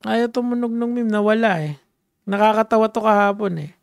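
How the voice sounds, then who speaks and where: A man's voice: sits high, fairly quick, creaky, smooth, no echo, studio quality. A man giving casual commentary, chatty and full of fillers and restarts, switching back and forth between languages. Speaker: commentary vlogger.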